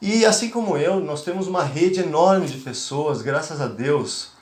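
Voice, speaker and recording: A man from Bahia, Brazil, gives an online lecture to teachers as a conflict mediator, his voice a little high at normal speed. He sounds hesitant, with many fillers and restarts, and the recording is roomy.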